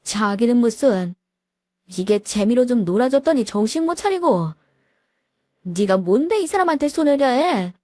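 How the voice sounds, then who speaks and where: Brief: woman playing a cold, sneering rich wife, high voice, dry close read. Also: animated, measured pace, mellow, dry recording. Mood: contemptuous. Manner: sneering, commanding. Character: haughty, scornful wealthy wife.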